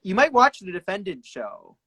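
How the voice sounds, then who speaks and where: A man's voice: high-pitched, wildly swooping pitch, normal speed, sharp tone, slightly rough, dry recording. A man hosting a casual interview show over a video call, upbeat, loose and chatty. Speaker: host.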